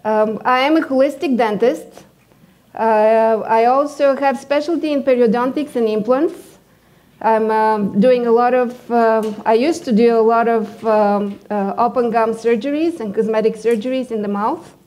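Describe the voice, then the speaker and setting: A woman from Bulgaria, a dentist giving a conference presentation, hesitant with many fillers and losing her voice as she keeps clearing her throat. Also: on the high side, measured pace, a little mellow.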